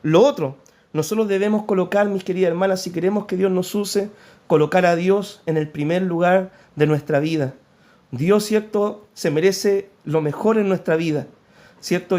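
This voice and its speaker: A man's voice: high-pitched, dark tone. A male pastor with a Chilean Spanish accent preaching a sermon, earnest and pleading, often checking in with "¿cierto?" asides. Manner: earnest, pleading tone when voicing prayers.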